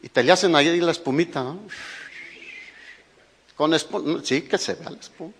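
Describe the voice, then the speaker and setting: Speaking at a normal speed, a man with a Mexican Spanish accent preaches as a pastor, his voice on the high side, fairly bright and slightly rough. He is emphatic and asks his listeners many rhetorical questions, and the hall recording is echoey.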